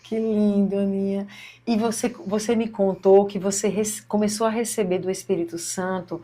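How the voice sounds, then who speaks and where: A woman's voice: medium pitch, fairly even intonation, normal speed, warm tone. A Brazilian woman hosting a faith podcast, encouraging and speaking straight to her viewers. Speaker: podcast host. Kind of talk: podcast interview.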